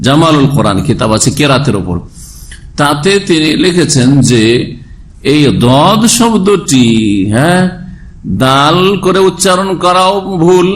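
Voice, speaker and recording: A man preaching a sermon lecture, explaining step by step and asking his listeners rhetorical questions. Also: a little high. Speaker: Islamic preacher.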